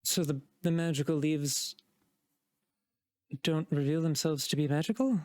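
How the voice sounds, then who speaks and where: A man voicing a sleepy, slender young male elf shopkeeper who talks in a halting, hesitant way. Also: a little high, fairly even intonation, a little mellow, dry recording, natural voice. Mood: wary. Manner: hesitant and halting, full of ums.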